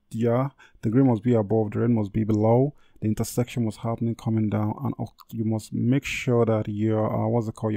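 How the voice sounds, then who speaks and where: A man's voice: on the low side, creaky, mellow, dry recording. A man hosting a casual trading tutorial over a screen recording, repeating himself and correcting his words with many fillers. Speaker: trading channel host.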